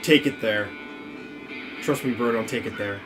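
A man with a New York accent chatting casually on a game stream, reading out a list of slang in a relaxed, halting way. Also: music in the background. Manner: relaxed, reads aloud haltingly, low mumbled asides.

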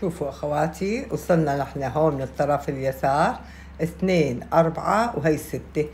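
A woman speaks with a Levantine Arabic accent in a slightly low voice. She teaches casually, step by step, like a craft instructor. She repeats key points and often checks that listeners follow. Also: darkish tone. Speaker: knitting instructor. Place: indoors at a table, hands-only camera view.

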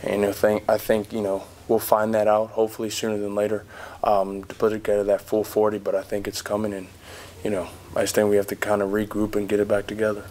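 A young man, a college basketball player, giving measured, steady answers at a postgame press conference, seated at a table mic. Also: on the low side, a little hiss or hum. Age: young adult. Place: press conference room in front of a backdrop.

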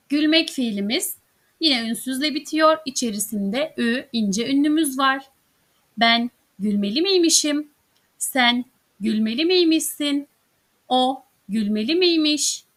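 Slow, high-voiced woman teaching grammar. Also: a bit bright. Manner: articulates each conjugation clearly and deliberately. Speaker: Turkish language teacher. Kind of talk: slow, careful grammar drill reading.

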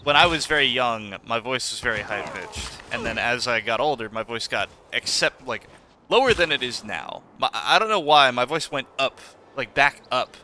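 A man's voice: medium pitch, animated, moderate pace, sharp tone, a little hiss or hum. A young man co-hosting a podcast in casual chat, rambling and laughing often, with casual swearing. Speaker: podcast co-host.

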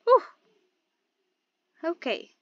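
A woman giving casual gameplay commentary as a streamer, excitable, exclaiming and muttering to herself as she plays. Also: drawn-out words, no echo, lo-fi sound. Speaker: game streamer.

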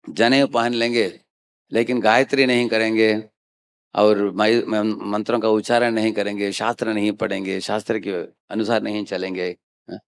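A man's voice: lowish voice, creaky. A man giving a conversational scripture lecture as a preacher, often checking in with listeners. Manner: conversational, frequent "hain?" prompts to listeners.

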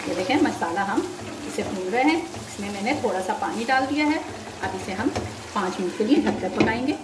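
This host has an expressive mid-range voice and talks at a normal speed. Cooking at her home stove, she patiently covers each step and passes along tips, with loud frying sounds echoing through the kitchen and the mic placed far away.

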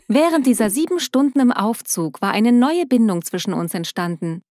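A woman narrates a scripted first-person story in a steady storytelling manner. Her voice sits fairly high. The recording is dry and close, with no room sound. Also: moderate pace, no echo.

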